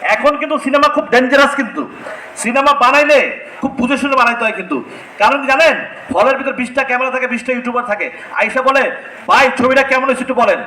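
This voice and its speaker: High, bright-voiced man speaking heatedly. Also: animated, quick pace, roomy sound, far from the mic, poor audio. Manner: heated, scolding, repeats phrases for emphasis. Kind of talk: impassioned press conference speech.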